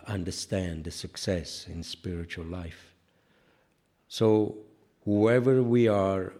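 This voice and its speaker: In a laid-back sermon-style scripture class, an older man with a deep, low voice wanders through stories. He keeps saying "you know" and chuckles at the jokes he makes at his own expense.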